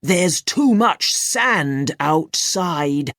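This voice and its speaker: A woman reading aloud and voicing a kind, practical old grandfather in a storybook, steady and patient. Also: low voice, very slow, no echo, clean studio sound, voice pushed up, exaggerated voice. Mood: concerned.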